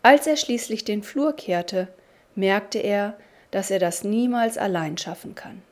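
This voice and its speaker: A woman narrating a devotional story in a measured storybook reading. Her pace is very slow and deliberate, each phrase set apart. Her pitch sits in a middling range.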